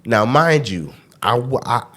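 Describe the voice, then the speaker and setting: A young man hosts a podcast, chatting casually and spinning loose stories while often asking "you know what I mean." His medium-pitched voice is very animated and a bit bright, and he talks a little slowly.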